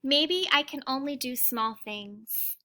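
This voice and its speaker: This high-pitched woman reads a kids' story aloud much as a teacher might. Expressive and deliberate, she adds side remarks meant for her young audience.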